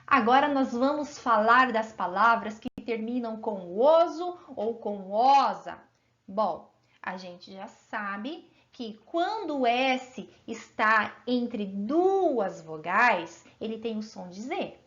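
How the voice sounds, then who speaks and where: A woman teaching a grammar lesson to children, encouraging and often checking that pupils follow, drawing out her example words slowly. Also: a little high, expressive, a bit bright, lo-fi sound. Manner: encouraging, asks pupils frequent check-in questions.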